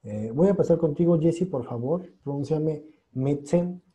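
A man's voice: a little high, moderate pace, warm tone. A man teaching English pronunciation in an online class, patiently drilling sounds and encouraging students.

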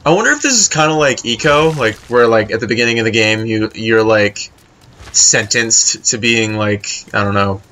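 Bright-voiced man chatting through a game. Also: lowish voice, normal speed. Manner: chatty, swears freely, talks to the game character. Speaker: let's play host. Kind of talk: casual gameplay commentary.

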